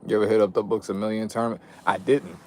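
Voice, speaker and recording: A man's voice: fairly low pitch, fairly even intonation, very fast. A young adult man chatting casually on a livestream, reminiscing in a laid-back, slangy, rambling way with some swearing. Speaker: streamer. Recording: clear background noise.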